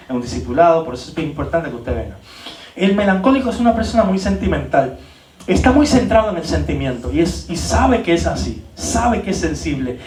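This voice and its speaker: Man, preacher, animated teaching, rhetorical questions, roomy echo. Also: fairly high pitch, far from the mic. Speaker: preacher teaching a leadership training. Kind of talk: church teaching talk.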